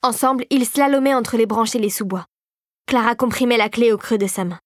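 A woman narrating a children's fantasy audiobook in a steady, clear storytelling voice. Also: a little high, a little fast, no room sound, studio quality.

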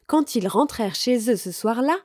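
A woman reading a children's story aloud, slowly and expressively, with clear articulation. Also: fairly high pitch, expressive, noisy background.

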